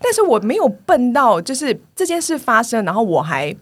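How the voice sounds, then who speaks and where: A woman's voice: a little high, a little fast, no echo. A woman, an English teacher telling a story in casual chat and acting out the voices she quotes. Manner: animated, acts out quoted voices.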